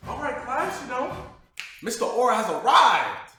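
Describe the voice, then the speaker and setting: Theatrical teacher played by a man, high voice, wildly swinging pitch, slow, echoey with music. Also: big pitch swings, heavily acted. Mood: awkward. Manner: slow, theatrical, bursts into shouting. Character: awkward, dramatic male high school teacher.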